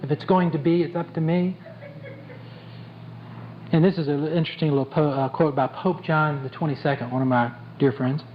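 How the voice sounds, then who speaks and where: A motivational speaker at a sales conference addresses the audience bluntly and with jokes, repeating key points for emphasis. His voice is a little high, with a steady tone and moderate pace, captured on dull lo-fi tape with faint background noise.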